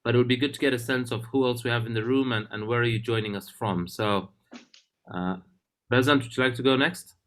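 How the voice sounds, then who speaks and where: A man hosting an online webinar over a video call, talking in a casual, halting way with many fillers and restarts. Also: mid-range voice, fairly bright tone. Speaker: webinar host.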